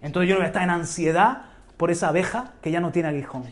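A man's voice: high voice, quick pace, a crowd in the background. A man with a Spain Spanish accent preaching an impassioned sermon as pastor, rising to exclamations.

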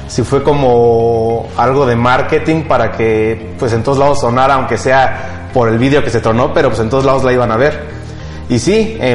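A young man with a Mexican accent, explaining tech news as a co-host in a casual chat, hesitant and often pausing mid-phrase. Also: medium pitch. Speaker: podcast co-host. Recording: roomy echo, background music.

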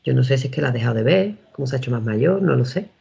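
A woman's voice: rumbling low, lively intonation, very fast, creaky, warm tone, slightly rough. A woman in her thirties from Seville with an Andalusian accent, telling her own experiences as an interview guest in a rambling way, often restarting. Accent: Andalusian Spanish. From Seville, Spain. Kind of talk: casual storytelling. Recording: dull lo-fi recording.

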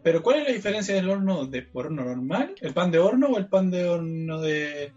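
High, lively Chilean man teasing. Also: moderate pace, muffled recording, soft background music. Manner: teasing, playful questions. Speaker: podcast co-host. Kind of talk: casual chat.

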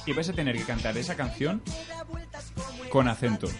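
A man's voice: mid-range voice, lively intonation, fast talker. A man from hosting a casual group radio show, playful and laughing as he runs party games. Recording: loud music behind.

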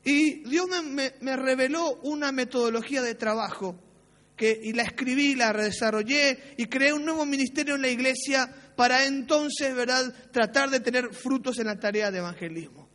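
A man's voice: very high-pitched, moderate pace, a bit bright. A male pastor, telling a personal story in a sermon. He is anecdotal and self-mocking, and keeps checking in with tag questions. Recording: long reverb of a church hall.

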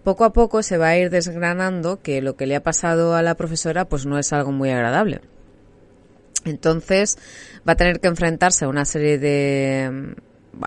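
A woman chatting casually as a podcast co-host, talkative and quick to laugh, with lots of fillers. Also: deep voice, smooth. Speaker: podcast co-host reviewing a series. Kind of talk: casual chat.

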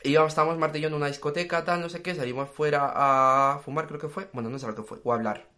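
Young male podcaster, rapid and chatty. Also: on the high side. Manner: fast, slangy, animated storytelling. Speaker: podcast co-host. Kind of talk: casual chat.

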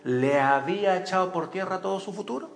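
A pastor preaching a sermon in church, telling stories with acted-out voices and questions to the congregation. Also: male voice, high-pitched, brisk, vocal fry. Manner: animated storytelling, acts out voices and cries, asks the congregation questions.

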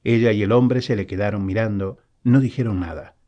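A man reading a novel aloud as an audiobook narrator, in a calm, even storytelling manner. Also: fairly low pitch, a little fast, highs cut off.

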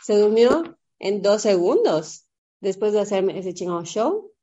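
Mexican woman, 30s, lively storyteller, swears casually, slightly dull lo-fi sound. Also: measured pace. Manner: animated, acts out quotes in a high voice, swears freely.

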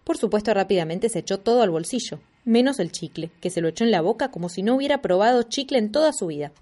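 Animated woman reading a children's story. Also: medium pitch, fast talker. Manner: expressive, animated narration.

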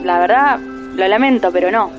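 An actress playing a guarded grown daughter who talks evasively and hesitantly, heard over a landline phone. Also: female voice, mid-range voice, normal speed, music in the background. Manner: evasive, hesitant, full of fillers. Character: guarded adult daughter shielding her father. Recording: dull muffled phone line.

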